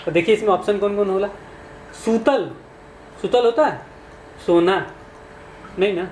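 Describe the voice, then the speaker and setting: A man's high voice comes at a measured pace with a slightly mellow quality. He chats through exam questions and asks his listeners questions, recorded in an echoey room with faint background noise.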